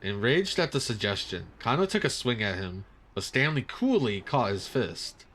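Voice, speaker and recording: Casual let's-play host reading a story game aloud, bright and animated, laughs at the scenes. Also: male voice, medium pitch, moderate pace. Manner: lively reading with chuckling asides.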